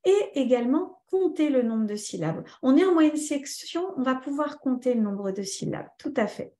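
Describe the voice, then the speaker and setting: Woman trainer, live online lesson, fairly high voice, echoey room. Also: normal speed. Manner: lively, answers viewers' chat comments by name. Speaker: teacher trainer.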